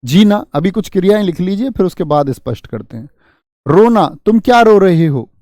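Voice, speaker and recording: A man's voice: high voice, animated, normal speed, a little mellow, dry recording, studio quality. A man teaching a Hindi grammar class, drilling students with rhetorical questions and calling them friends.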